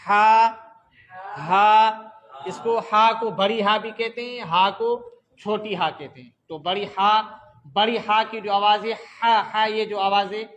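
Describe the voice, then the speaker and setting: Guy teaching quran letter sounds, high voice, stretches letters out loud, muffled lo-fi recording. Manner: demonstrates letters loudly, drawn out, then explains calmly.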